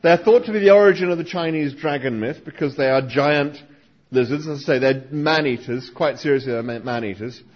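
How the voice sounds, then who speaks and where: A man's voice: fairly high pitch, a little fast, dull audio. A man reading and telling a story to a live audience, with wry, dry asides.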